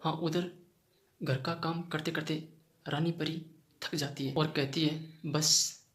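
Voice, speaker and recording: A man casually retelling a story as channel host, with plain delivery, frequent pauses and fillers. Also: a little high, little pitch movement. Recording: roomy echoey room.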